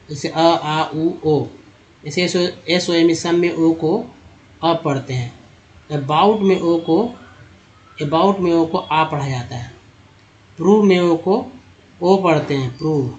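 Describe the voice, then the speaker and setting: Guy teaching english vowels, kinda high voice, repeats stuff a lot. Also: highs cut off. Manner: repetitive, explains step by step, addresses viewers as friends. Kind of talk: spoken pronunciation lesson.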